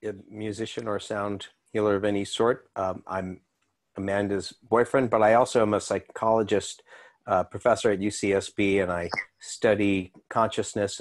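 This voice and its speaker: Man, psychology professor, modest hesitant manner, low voice, video call.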